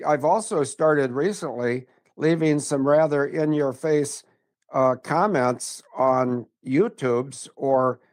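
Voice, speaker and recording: A man's voice: medium pitch, darkish tone. A man in his seventies, a regular commentator on a talk show, speaking in a blunt, rambling way that drifts from one tangent to the next. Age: 70s. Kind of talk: casual chat.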